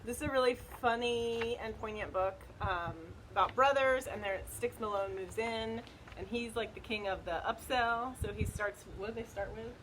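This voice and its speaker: A middle-aged woman co-hosts outdoors, recommending books casually, informally and hesitantly. Her slightly high voice is fairly bright at a moderate pace, and the audio is poor, with wind noise hitting the microphone.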